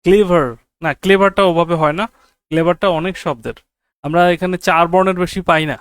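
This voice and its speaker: A man's voice: sits high, fairly even intonation, no room sound. Man repeating grammar rules to students. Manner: repeats key phrases slowly for emphasis; quizzes students with rhetorical checks. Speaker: English teacher. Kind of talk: classroom grammar lecture.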